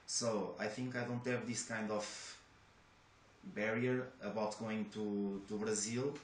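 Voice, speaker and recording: A young Portuguese man with a lowish voice answers job interview questions in English, speaking slowly with fairly even intonation. His Portuguese accent is clear, and he hesitates a lot, restarting sentences and using fillers. The room is echoey with faint background noise.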